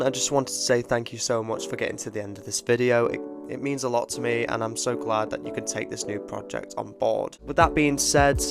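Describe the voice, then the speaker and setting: A man giving a casual, jokey, sweary comedic film recap as host. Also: mid-range voice. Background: music.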